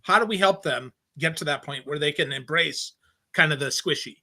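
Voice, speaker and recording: A man's voice: fairly high pitch, moderate pace, bright, forceful tone. A man hosting a podcast interview, summing up his guest's points and asking follow-up questions. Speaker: podcast host. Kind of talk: interview host.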